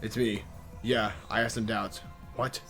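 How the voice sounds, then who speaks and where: A man's voice: fairly low pitch, little pitch movement, unhurried, fairly bright tone, faint music behind. Stumbling man reading game text aloud. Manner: stumbles over words and restarts, mutters complaints. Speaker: let's play host reading a visual novel aloud.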